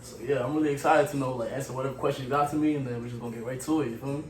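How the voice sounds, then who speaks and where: A man's voice: mid-range voice, steady tone, rapid-fire. Laid-back young man in an echoey room. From Cameroon, raised in Maryland. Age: 20s. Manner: laid-back, slangy, often trails off softly. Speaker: guest singer. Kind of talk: casual interview chat. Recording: roomy echo, faint music.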